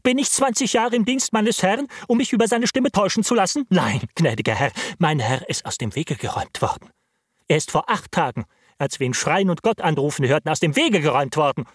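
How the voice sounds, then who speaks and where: A man reading the part of an anxious, loyal older male butler, speaking in an urgent, hushed and insistent way. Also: a little high, lively intonation, a little fast, husky, no echo, clean studio sound, voice pushed up.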